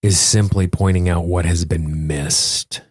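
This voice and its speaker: A deep-voiced man speaks as a podcast host and coach, explaining and instructing the listener directly through a conversational self-help talk and guided tapping exercise. His tone is steady and unhurried, with studio-quality sound and no echo.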